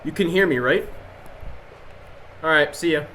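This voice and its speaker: Through a computer mic with poor audio and a little hiss or hum, a young man from Jordan speaks at a fairly high pitch, a little slowly, with a sharp tone. He has an American accent and rambles casually as a student lecturer on an online voice call. It's a chatty review session, full of fillers and restarts.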